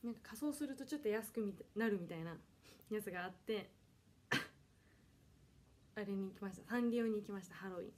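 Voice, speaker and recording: This Kanagawa-born woman of twenty streams solo from indoors at home as an idol audition livestreamer, casually and politely reading viewer comments aloud and apologizing frequently. She speaks briskly in a medium, darkish voice, pausing often, with a little hiss or hum in the audio.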